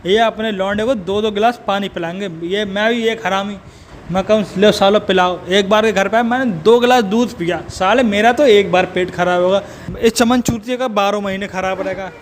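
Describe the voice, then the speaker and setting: A man's voice: high voice, normal speed, slight background noise. A man delivering a profane, mocking comedic rant. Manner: abusive, mocking rant with frequent swearing. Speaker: comedic roaster.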